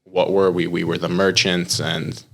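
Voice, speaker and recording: A young American man with a deep, gravelly voice chats easily at normal speed as a podcast guest, a chef and pitmaster. In this casual interview he sounds relaxed and explanatory, using filler words and laughing.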